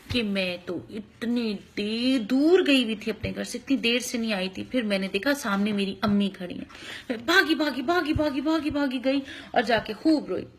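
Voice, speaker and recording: A woman, a mother, telling a story to her young children in an animated way, acting out sounds and asking them questions. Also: fairly high pitch.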